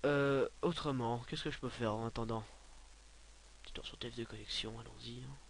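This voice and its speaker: A young man giving a casual, rambling software tutorial, filling his talk with hesitations and offhand asides. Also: mid-range voice, steady tone, a little fast, gravelly, a little hiss or hum. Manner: rambling, many filler sounds, offhand asides. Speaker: tutorial maker.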